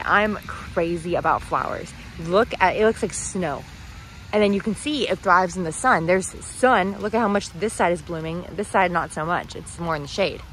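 A woman's voice: lowish voice, fairly bright tone. A woman vlogging casually while touring a house and garden, gushing and chatty. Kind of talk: casual vlog narration. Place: outdoors and indoors touring a house. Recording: noisy handheld camera audio.

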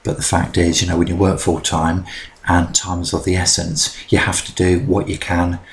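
A middle-aged man talks through his DIY work in a relaxed, explanatory voice-over. His voice sits very low, and he fills the gaps with frequent ums. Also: normal speed. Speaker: DIY vlogger. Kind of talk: instructional voice-over narration.

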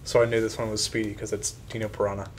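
A man's voice: lowish voice, flat delivery, racing. A man hosting a casual let's-play, chatting playfully and slipping into sing-song sound effects. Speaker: gaming video host.

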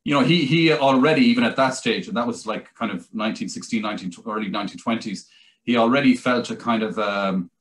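In a chatty interview over video call, a middle-aged translator and author from Ireland talks on and on, restarting sentences and leaning on "you know." His mid-range voice is a touch bright, captured by a webcam in a small room against a plain wall.

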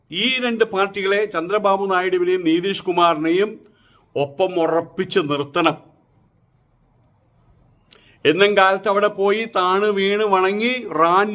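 A man's voice: high-pitched, a bit bright. A middle-aged man, giving a mocking political monologue and firing off rhetorical questions again and again. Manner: mocking, rhetorical, repeats his taunting questions. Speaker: political commentator.

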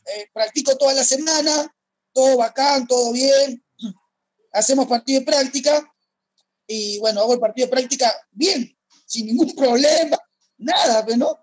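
An ex-footballer tells a story in a very high, husky voice. He is relaxed and casual, and his talk is full of filler words. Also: no room sound, rough recording. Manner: relaxed, heavy use of fillers. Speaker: former footballer guest.

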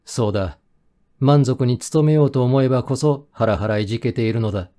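A man reading a first-person mystery as an audiobook narrator, in steady, measured storytelling. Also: medium pitch.

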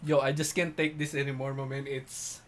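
A man's voice: mid-range voice, level tone, normal speed. A man from the Philippines hosting a beatbox reaction video, exclaiming, laughing and swearing in disbelief as he reacts. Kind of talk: excited reaction commentary.

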